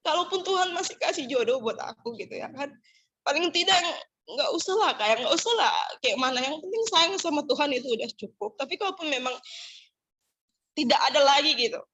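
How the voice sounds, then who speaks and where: Bright high-voiced woman sharing testimony. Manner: candid, chatty, mixes in regional words. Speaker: church member giving testimony. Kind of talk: personal testimony.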